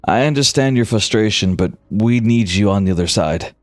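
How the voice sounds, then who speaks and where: A man's voice: lowish voice, animated, moderate pace, no room sound, clean studio sound, lightly acted. A man voicing a cold, authoritative recruiter in a tabletop game, offering formal, scripted-sounding sympathy while making firm demands. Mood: formal, unyielding. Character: cold, authoritative male recruiter, politely unyielding fixer. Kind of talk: tabletop role-play.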